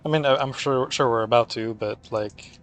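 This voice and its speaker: Casual male game streamer, mid-pitched. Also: normal speed, soft background music. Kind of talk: casual live game commentary.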